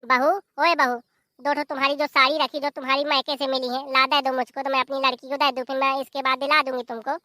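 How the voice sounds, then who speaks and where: Actor voicing a bossy old mom-in-law, cartoon, bright and sharp. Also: sits high, little pitch movement, quick pace, dry recording, studio quality. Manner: bossy, scolding. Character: scolding mother-in-law, older woman.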